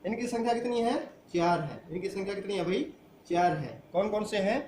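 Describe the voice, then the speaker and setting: A man's voice: sits high, a little fast, darkish tone, roomy sound, slight background noise. A man teaching a grammar lesson who asks the class questions and answers them himself. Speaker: school teacher.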